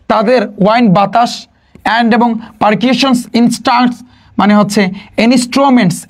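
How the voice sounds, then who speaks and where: A tutor talks through an exam-prep lesson at a middle pitch. English terms are slipped into the explanation, and the same quiz question comes back again and again until the answer sticks. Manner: mixes English words into Bengali, quizzes listeners with repeated questions. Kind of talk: online exam-prep lecture.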